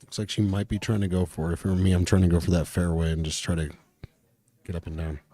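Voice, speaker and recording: Deep voiced guy commentating golf, real dry close sound, chatty, gives his own take on shots. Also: little pitch movement, quick pace, warm tone, no echo. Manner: chatty, offers advice and opinions. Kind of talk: conversational golf match commentary.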